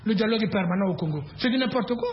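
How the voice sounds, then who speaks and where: A man's voice: sits high, animated, racing. A man speaking as an opposition politician, exasperated and scornful. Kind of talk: interview clip. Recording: muffled audio with faint noise.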